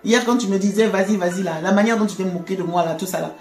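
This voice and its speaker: A woman giving a conversational faith testimony, animated, laughing often and repeating words. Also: medium pitch, quick pace. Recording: echoey room with faint music.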